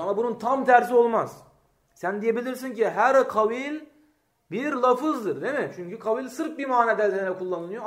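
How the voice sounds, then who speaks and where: Man, grammar teacher with a high voice, class lesson, echoey room, keeps quizzing the class. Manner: asks students rhetorical questions; reads Arabic text aloud, then explains.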